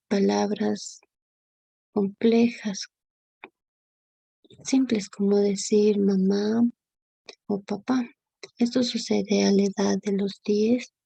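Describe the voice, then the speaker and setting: A young woman giving a class presentation, halting with many fillers and restarts. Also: medium pitch, creaky, warm tone, breathy edge, dry recording. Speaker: student presenter.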